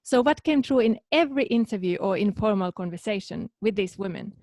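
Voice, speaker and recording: A woman from Finland, a researcher co-hosting a podcast, reading in a calm, explanatory way. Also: mid-range voice, fairly quick, dry recording. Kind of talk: scripted podcast narration.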